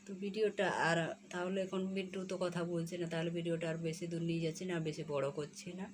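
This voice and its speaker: A woman's voice: steady tone, quick pace. Woman coaxing her pet parrot. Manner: coaxing baby talk to her parrot, rising high. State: sore throat. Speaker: pet vlogger. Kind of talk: casual chat to viewers. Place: home kitchen. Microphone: phone camera. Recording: noisy home recording.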